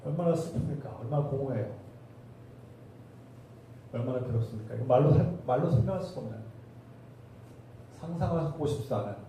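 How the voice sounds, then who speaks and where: A man's voice: medium pitch, animated, brisk, long pauses, mellow, a little hiss or hum. Male pastor, sermon, rhetorical questions, very echoey church, distant mic. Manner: preaching with rhetorical questions to the congregation. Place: church sanctuary. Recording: distant roomy church recording.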